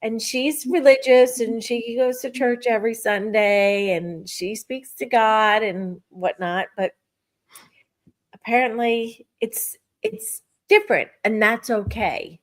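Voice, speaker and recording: Middle-aged woman, podcast guest, animated storyteller who voices her own quotes. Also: fairly high pitch, slow pace. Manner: lively, animated retelling with acted-out quotes. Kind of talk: personal storytelling in casual chat.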